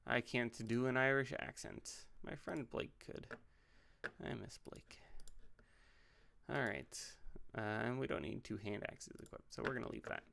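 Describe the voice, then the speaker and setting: A man hosting a casual livestream who builds game characters while thinking out loud, rambling and making joking asides. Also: mid-range voice, measured pace, vocal fry. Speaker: pastor and livestream host.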